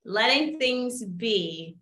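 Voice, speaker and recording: A woman's voice: on the high side, lively intonation, very slow, pushed and bright, echoey room. A woman hosting an interview, chatting casually and reflecting aloud while searching for her words. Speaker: host.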